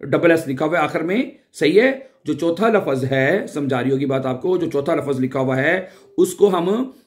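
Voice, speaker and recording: A man's voice: a little high, animated, moderate pace. A man teaching a beginner German lesson, patiently repeating sounds and often checking that the learners follow.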